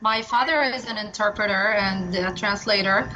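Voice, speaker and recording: A woman from Lebanon who works as a translator and interpreter, answering interview questions in an energetic, chatty way with many restarts. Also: medium pitch, moderate pace. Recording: noisy recording with clicks.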